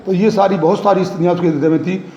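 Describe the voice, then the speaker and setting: A man's voice: high voice, steady tone, quick pace, vocal fry, dark tone, a little hiss or hum. A male Hindi teacher explaining a poem line by line, checking in often with the class as he paraphrases each verse. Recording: echoey, dull lo-fi room recording.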